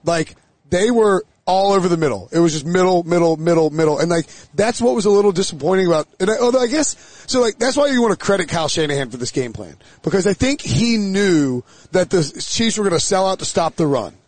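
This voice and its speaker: A man hosting a casual sports chat, talking fast with lots of "like" fillers. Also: high voice, animated, darkish tone, no room sound. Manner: fast, filler-heavy talk with "like".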